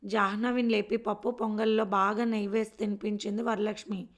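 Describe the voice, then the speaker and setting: A woman reading a serialized family story aloud in a steady storytelling voice. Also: medium pitch, fairly quick. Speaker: story reader.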